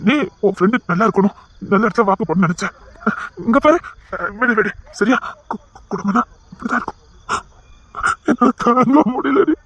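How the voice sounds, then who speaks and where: Guy doing a soft pleading husband, highish voice, dry close sound. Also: fast talker, husky, no echo. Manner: tender, pleading consoling. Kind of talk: dubbed serial drama with one voice doing many roles.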